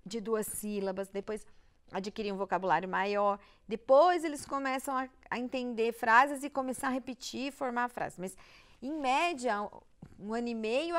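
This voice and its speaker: A Brazilian-accented woman with a somewhat high voice talks as a pediatrician guest on an interview show. She explains patiently and step by step, in a calm, reassuring manner. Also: clear, resonant tone.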